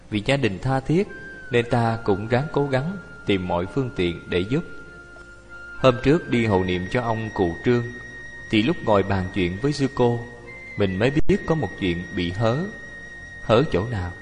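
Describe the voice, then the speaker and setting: A low-voiced man delivers a Buddhist dharma talk as a lay teacher. He tells his stories vividly and acts out the people he quotes. His voice rings with a long hall reverb over faint music. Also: darkish tone. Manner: storytelling, acting out the people he quotes.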